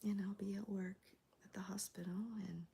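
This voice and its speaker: A woman streaming live, whispering as she chats with viewers, her voice gravelly from a cold. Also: mid-range voice, level tone, moderate pace. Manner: soft whispering with fillers. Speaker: crochet livestreamer. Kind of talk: whispered ASMR livestream chat. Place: home, early morning.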